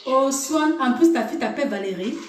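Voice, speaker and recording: A woman's voice: sits high, lively intonation, fairly quick, roomy sound, a little hiss or hum. A woman commenting on a clip in a teasing, scolding way, laughing in between. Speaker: video commentator. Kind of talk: mocking reaction commentary.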